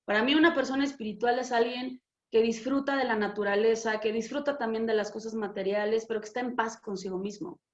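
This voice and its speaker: A woman's voice: on the high side, steady tone, quick pace, few pauses. A Mexican woman hosting a spiritual channel, talking frankly and expressively in a casual way, with some swearing. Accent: Mexican Spanish. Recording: echoey room, dull lo-fi sound.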